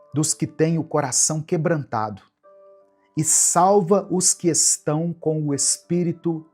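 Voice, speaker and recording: Husky-voiced Brazilian pastor praying gently. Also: male voice, mid-range voice. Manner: gentle, earnest, prayerful. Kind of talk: devotional prayer and sermon.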